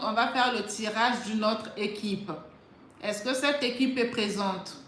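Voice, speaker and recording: Her voice sits a little high and sounds a bit bright as she talks to her stream audience during a live prize draw, alone in an indoor space. Chatty and prone to repeating herself, she has a slight cold, sounds congested, and clears her throat. The recording carries an echoey room and a little hiss or hum.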